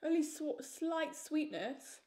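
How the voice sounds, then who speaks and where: High-voiced young woman reviewing crunchy snacks. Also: animated, slow pace, mellow. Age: young adult. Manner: enthusiastic, repeats words for emphasis. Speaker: food reviewer. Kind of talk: casual snack review to camera.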